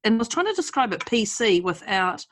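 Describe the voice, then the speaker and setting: A woman's voice: fairly high pitch, very animated, fairly quick. A woman with a New Zealand accent chatting casually as a podcast co-host, giggly, blunt and self-deprecating. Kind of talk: casual chat.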